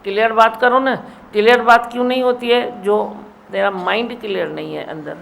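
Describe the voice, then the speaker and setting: A woman's voice: a little high, normal speed, creaky, slight background noise. A woman guru gives a sermon, scolding and teasing her listeners and mimicking their mumbling. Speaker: spiritual guru. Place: satsang hall.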